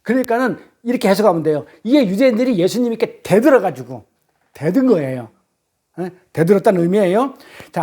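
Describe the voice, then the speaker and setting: A man's voice: high-pitched, darkish tone, slightly rough. A male pastor giving a Sunday sermon in blunt, colloquial speech, acting out heated arguments as he preaches.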